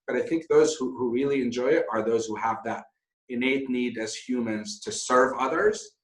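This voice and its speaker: A man's voice: mid-range voice, moderate pace. A middle-aged man from Syria, speaking as an interview guest in a candid, self-deprecating, passionate way. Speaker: guest, hotel founder. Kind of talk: conversational interview. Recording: echoey room.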